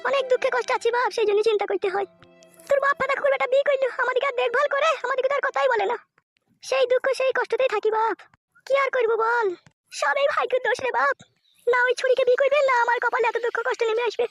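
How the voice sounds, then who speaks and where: A woman's voice: very high-pitched, steady tone, fast talker, fairly bright tone, soft background music. A woman voicing a bitter, quarrelling mother in a cartoon who scolds and curses. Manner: scolding, cursing, whining.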